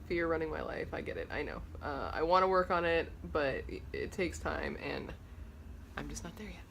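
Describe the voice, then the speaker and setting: A woman's voice: deep voice, expressive, normal speed, vocal fry, a bit bright, a little hiss or hum. A woman in her late twenties, from Los Angeles, chatting candidly and rambling while doing her makeup in her bedroom, swearing freely. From Los Angeles, USA. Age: 20s. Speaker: beauty vlogger. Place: bedroom, indoors. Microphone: camera in front at close range.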